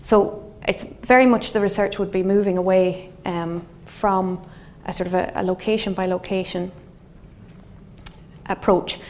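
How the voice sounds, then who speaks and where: A woman's voice: mid-range voice, a little slow. Thoughtful woman lecturer with west of Ireland accent. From Galway, west of Ireland. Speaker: research scientist giving a lecture. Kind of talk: public lecture, explanatory and semi-conversational. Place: indoor wood-panelled lecture room. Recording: faint steady room noise.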